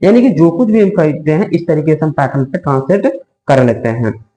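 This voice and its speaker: A man teaching a grammar lesson, asking questions and answering them himself, slowly spelling out example sentences. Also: on the high side, sing-song, dark tone, poor audio. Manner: asks and answers his own questions, drawn-out example sentences. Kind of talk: Hindi-medium grammar lesson.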